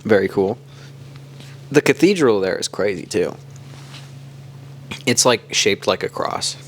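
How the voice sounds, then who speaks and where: A man's voice: lowish voice, unhurried, a little hiss or hum. A man from the Kansas City area co-hosting a podcast, chatting casually and telling stories in a loose, rambling way. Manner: relaxed storytelling, loose with "like". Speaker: podcast co-host. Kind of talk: casual chat.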